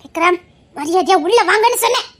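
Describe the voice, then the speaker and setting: Woman voicing devoted young woman, Tirunelveli accent, very high voice, insistent and tender. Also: lively intonation, a little fast, fairly bright tone. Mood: worried. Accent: Tirunelveli Tamil. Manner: coaxing, soothing, insistent. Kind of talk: amateur dramatic dialogue.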